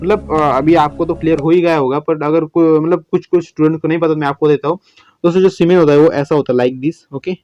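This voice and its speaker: A man solving exam questions as a biology teacher, chatty, often saying "okay", reading English questions slowly word by word. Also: a little high, steady tone, darkish tone, no echo, lo-fi sound, soft background music. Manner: chatty, repeats "okay" and "friends", many restarts. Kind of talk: exam-prep lesson, solving MCQs.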